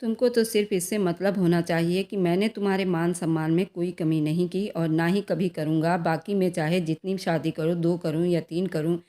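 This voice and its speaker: A woman voicing a calm, stern father. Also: on the low side, natural voice. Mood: firm. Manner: calm and unhurried even when threatening. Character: calm, stern middle-aged husband and father.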